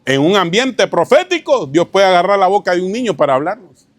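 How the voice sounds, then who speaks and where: A male pastor with a high, very animated voice preaches a sermon a little fast, with no room sound. His informal teaching includes anecdotes told with a chuckle, rhetorical questions to the congregation, and frequent calls of "brother."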